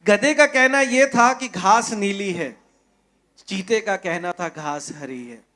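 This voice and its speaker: High-voiced pastor preaching slowly in Hindi-accented speech. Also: male voice. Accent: Indian Hindi. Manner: dramatic storytelling, swinging from loud to hushed. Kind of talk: sermon with a told parable. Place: church.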